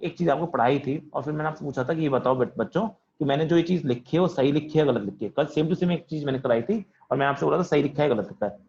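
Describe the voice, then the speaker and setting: Over a video call, a man teaches physics in an online class, calling on students by name and asking questions he then answers in a student's voice. His voice is fairly high, creaky and darkish, and the muffled recording has slight background noise.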